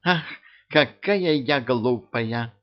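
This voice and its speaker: A man voicing a young prince disguised as a princess, speaking in a squeaky, falsely sweet way. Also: animated, drawn-out words. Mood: sugary. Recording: dull lo-fi audio.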